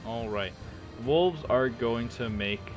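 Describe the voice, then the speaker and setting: A man's voice: mid-range voice, takes it slowly. A man running a tabletop game as game master, hesitant and checking rules aloud with frequent uhs. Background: music.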